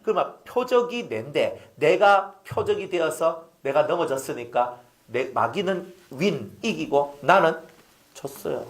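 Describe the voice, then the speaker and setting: A man's voice: fairly high pitch, animated, measured pace. A middle-aged male pastor who preaches a sermon, acts out quoted speech and keeps asking the congregation questions.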